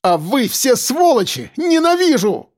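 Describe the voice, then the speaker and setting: A man voicing a bitter, hostile young woman on the run, sharp and accusing. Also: a little high, big pitch swings, normal speed, no room sound, studio quality. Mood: screaming.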